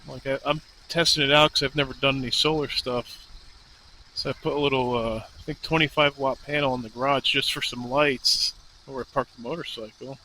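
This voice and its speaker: A man chats off the cuff from inside a motorcycle helmet, thinking aloud as he rides. His voice is very bright and forceful, at a medium pitch. Faint vehicle noise sits behind the helmet mic recording. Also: steady tone, a little fast, low-quality recording. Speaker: motorcycle vlogger. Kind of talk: casual off-the-cuff ride commentary. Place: outdoors, riding a motorcycle on a dirt road.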